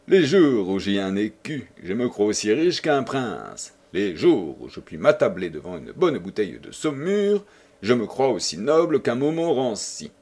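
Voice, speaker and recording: A man's voice: on the low side, darkish tone, husky, heavily acted. A man voicing a carefree, mocking young chevalier with swaggering, ironic banter, in an audiobook. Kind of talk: audiobook character voice.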